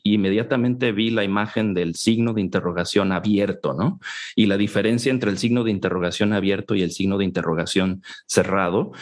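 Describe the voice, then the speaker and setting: A man, co-hosting a reflective conversation and explaining his ideas at length. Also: lowish voice. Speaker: podcast co-host.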